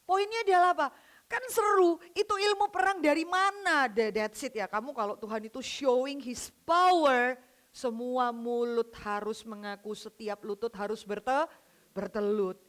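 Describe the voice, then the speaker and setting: Woman vicar, high-pitched, animated sermon full of acted dialogue. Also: normal speed. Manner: animated storytelling, acting out dialogue with many pitch jumps. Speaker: vicar preaching. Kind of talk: lively sermon to a women's fellowship.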